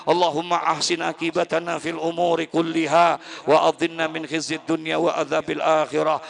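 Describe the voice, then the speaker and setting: A man preaching a storytelling sermon at a mosque gathering, moving from hushed telling to loud emotional outbursts, then leading an Arabic prayer. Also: fairly high pitch, gravelly.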